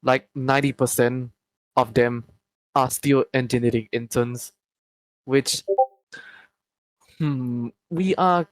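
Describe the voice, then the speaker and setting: A man's voice: medium pitch, steady tone, no echo, rough recording. A young man talking through casual interview answers in a mid-range voice. He hesitates often, restarting phrases and trailing into fillers. The sound is dry and close, with almost no room around it. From Malaysia. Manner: hesitant, many pauses and restarts. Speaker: group owner answering interview questions.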